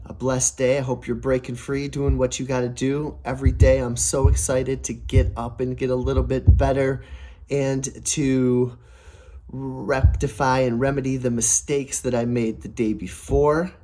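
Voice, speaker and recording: A man's voice: medium pitch, level tone, unhurried, dark tone. A young adult man talking casually to camera about family savings, upbeat and rambling, with many fillers and restarts. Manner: voice prone to cracking. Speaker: personal finance vlogger.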